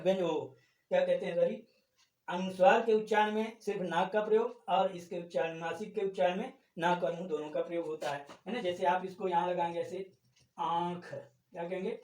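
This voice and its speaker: A high-pitched, slightly mellow male voice is recorded from a distance in an echoey space. He's giving a classroom-style lesson on Hindi grammar, explaining gradually, repeating the key terms, and asking the class questions before answering them himself.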